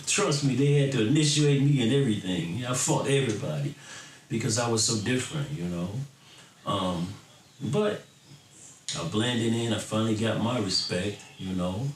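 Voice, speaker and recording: With a lowish voice and a moderate pace, this middle-aged electronic bass musician talks reflectively to his fans. Originally from Florida and then Michigan, he rambles in an informal, earnest way, frequently adding "you know." The distant mic gives a roomy sound with a little background noise.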